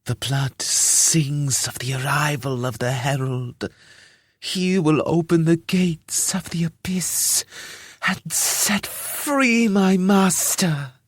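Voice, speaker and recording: A man voicing a short, robed, fanatical priest who speaks with a lisp in a hushed, whispery way. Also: on the high side, slow, breathy edge, no echo, clean studio sound, voice pushed up. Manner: hushed, whispery, distant delivery.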